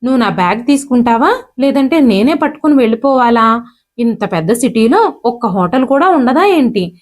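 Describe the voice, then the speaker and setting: A woman's voice: on the high side, lively intonation, moderate pace, natural voice. A woman reading as a hurt, proud old grandfather.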